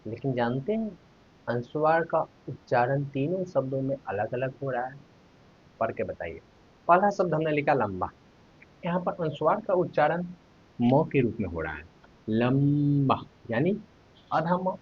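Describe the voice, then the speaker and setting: A man's voice: medium pitch, sing-song, normal speed, pauses often, breathy edge. A man teaching a Hindi grammar lesson online, asking the viewers questions and sounding out letters one at a time. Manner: asks questions to viewers, then answers them. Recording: dull lo-fi recording.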